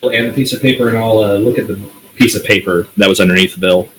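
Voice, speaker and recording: A man's voice: fairly low pitch, fast talker, noisy background. A man playing in a tabletop game, giving short matter-of-fact answers. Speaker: player. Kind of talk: casual tabletop play.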